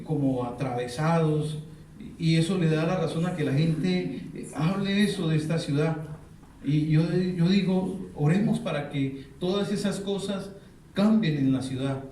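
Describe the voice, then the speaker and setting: Preacher in an echoey hall. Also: male voice, a little high, dark tone, a little hiss or hum. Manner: asks the congregation fill-in questions. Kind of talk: sermon. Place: church hall. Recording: very echoey hall, mic far off.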